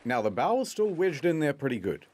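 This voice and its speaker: Man narrating with lively mock drama. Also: on the high side, fairly quick, faint music behind. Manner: dry, mock-dramatic storytelling. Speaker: documentary narrator. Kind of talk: scripted comedic narration.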